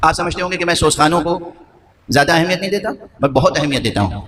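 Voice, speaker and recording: An older man gives a Muharram majlis sermon in a high, bright voice. His oratory swells and then sinks to a hush. The hall is echoey, with faint noise behind. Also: expressive. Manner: impassioned oratory, rising and falling in pitch. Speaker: Shia majlis speaker.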